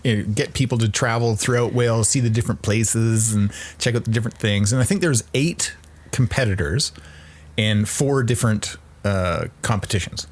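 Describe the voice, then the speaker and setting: A man's voice: lowish voice, normal speed. A man co-hosting a podcast in casual chat, easygoing and agreeable. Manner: easygoing, agreeable, lots of "yeah". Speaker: podcast co-host.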